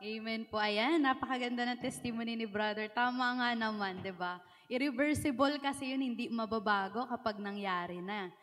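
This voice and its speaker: A woman facilitating a church sharing session, gently prompting others to share. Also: on the high side, moderate pace. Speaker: service facilitator. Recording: echoey church hall.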